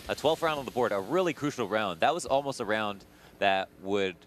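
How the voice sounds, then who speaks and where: A male esports analyst with a fairly low voice, breaking down plays in a conversational way. He commentates over a live match, with faint game noise behind him. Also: animated, a little fast.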